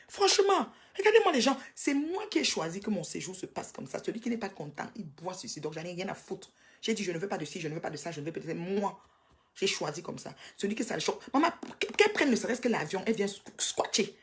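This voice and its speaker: A woman's voice: lively intonation, quick pace. Woman ranting. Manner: scolding, mocking, with sudden high-pitched outbursts. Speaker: livestreamer. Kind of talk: angry live rant.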